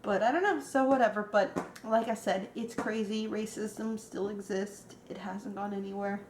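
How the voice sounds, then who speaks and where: A woman's voice: mid-range voice, fairly even intonation, moderate pace, a little mellow, a little hiss or hum. A woman vlogging casually, rambling and emotional with lots of fillers. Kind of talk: casual vlog. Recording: echoey room.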